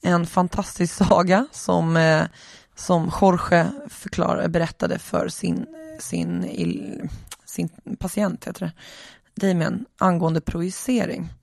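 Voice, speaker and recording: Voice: medium pitch, lively intonation, vocal fry, dry recording, studio quality. A tired podcast host, lying alone in bed, talking through a reflective, rambling solo monologue with many hesitations.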